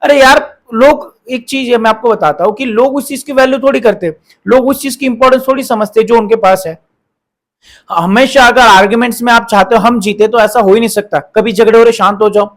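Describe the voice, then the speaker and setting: A man's voice: extremely high pitch, a little fast, a bit bright. A man hosting a relationship advice talk, lecturing viewers in a repetitive style full of rhetorical questions and quoted examples.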